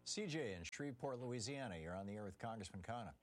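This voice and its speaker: A male radio talk show host with a smooth radio-host delivery, briskly introducing callers on a call-in show. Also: mid-range voice, animated.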